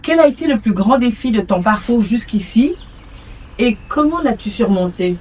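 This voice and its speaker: A woman's voice: fairly high pitch, lively intonation, normal speed, a little mellow, recorded from a distance, a little hiss or hum, rough recording. A woman interviewing a guest, asking short questions and giving brief, attentive acknowledgements.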